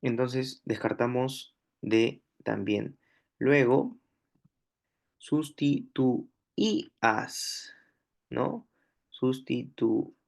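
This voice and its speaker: A man with a Peruvian Spanish accent teaching a grammar lesson, slow and deliberate, repeating each example word aloud. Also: medium pitch, gravelly. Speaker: language teacher.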